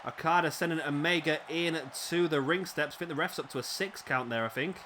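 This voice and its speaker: A let's play commentator, this man calls wrestling play-by-play briskly in a fairly high, slightly raspy voice. The background is noisy, and he turns excitable at big moves while adding chatty asides.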